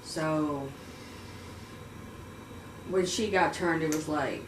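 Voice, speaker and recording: A woman guest in a casual movie review chat, soft-spoken and chiming in to agree. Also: low-pitched, very slow. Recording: echoey room, mic far off, noise.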